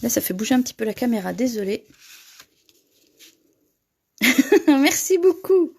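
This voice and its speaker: A woman's voice: fairly high pitch, sing-song, measured pace, vocal fry, darkish tone, slightly rough. A woman hosting a live paper-craft tutorial, chatting with viewers and laughing often as she reads their comments.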